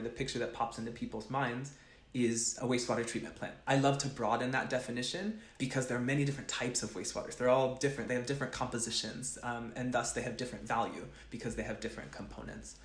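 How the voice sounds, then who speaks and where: A man's voice: mid-range voice, fairly even intonation, quick pace, reverberant. A young man, a chemical engineering professor, answering interview questions in an earnest, thoughtful way, often restarting his sentences. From grew up between West Africa and the US East Coast.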